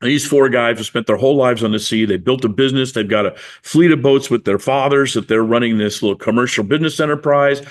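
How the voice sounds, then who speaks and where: A man's voice: mid-range voice, quick pace, few pauses. A man preaching a sermon in a conversational, storytelling way, acting out the people he quotes. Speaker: pastor.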